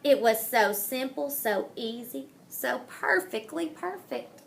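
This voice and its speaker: A woman reading a children's picture book aloud in a dramatic, deliberate manner, savoring the rhymes and wordplay. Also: sits high, lively intonation, gravelly, slight background noise. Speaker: storybook reader.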